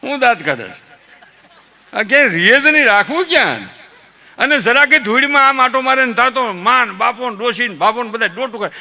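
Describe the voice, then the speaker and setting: Saurashtra Gujarati folk comic, high, sharp voice, chuckling storyteller. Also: male voice, brisk, vocal fry. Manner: animated, laughs at own jokes, mimics family members. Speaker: folk comedian.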